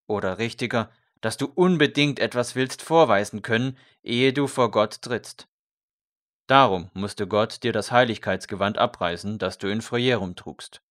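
A man's voice: fairly low pitch, slow, dry recording, studio quality. A man voicing a fervent male priest who urges a condemned prisoner toward faith with earnest intensity.

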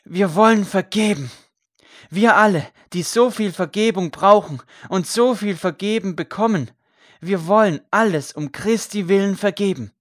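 A man voicing a gaunt condemned priest who preaches loudly to a crowd. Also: sits high, moderate pace, no echo, clean studio sound, voice pushed up. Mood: fervent. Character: gaunt condemned male priest, fervent and forgiving.

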